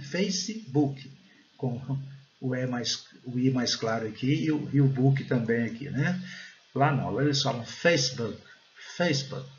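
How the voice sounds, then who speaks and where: A man's voice: mid-range voice, highs cut off, a little hiss or hum. Brazilian man teaching English pronunciation. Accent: Brazilian Portuguese. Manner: explains step by step, often adds "né?" and "gente". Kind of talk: online pronunciation lesson.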